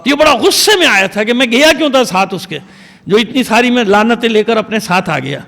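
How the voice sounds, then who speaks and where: A man's voice: extremely high pitch, animated, sharp tone. A man, a religious scholar, giving an emphatic, digressive sermon lecture and pleading with his listeners. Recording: long hall reverb.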